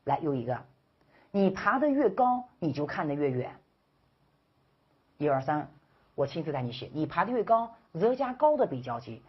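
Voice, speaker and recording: Woman, grammar teacher, online lecture, husky, playful and teasing, dull lo-fi sound. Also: low voice, very animated, moderate pace, pauses often. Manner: playful, teasing, acts out students' questions.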